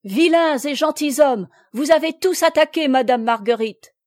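A woman's voice: sits high, moderate pace, darkish tone, no echo, clean studio sound, voice pushed up, natural voice. A woman voicing a fierce young male boatman who declaims in a ringing voice. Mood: defiant.

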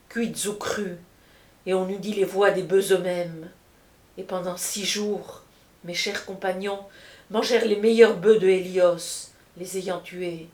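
A woman reading an ancient epic aloud as scripted narration, measured and solemn. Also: mid-range voice, darkish tone. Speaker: audiobook reader. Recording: roomy echo.

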